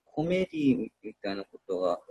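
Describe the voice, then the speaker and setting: A man's voice: fairly low pitch, wildly swooping pitch, a little fast, creaky, dark tone, husky, no room sound, muffled recording. A man leading a casual film discussion, asking polite questions.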